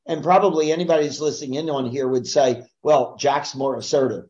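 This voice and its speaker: A man's voice: mid-range voice, fairly even intonation, brisk, darkish tone, dull audio. A man speaking as a guest in a podcast interview, explaining sales ideas in an assertive, emphatic teaching manner.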